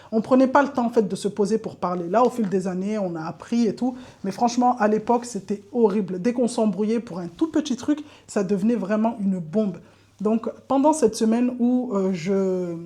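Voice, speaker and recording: A woman's voice: mid-range voice, warm tone. A woman telling a candid personal story to camera, often repeating words for emphasis. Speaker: vlogger.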